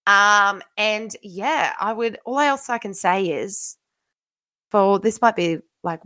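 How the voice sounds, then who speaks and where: A woman's voice: mid-range voice, bright, forceful tone, no room sound. A young woman with a broad Australian accent chatting casually on a solo podcast, stressing her points emphatically. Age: young adult. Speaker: podcast host and student teacher.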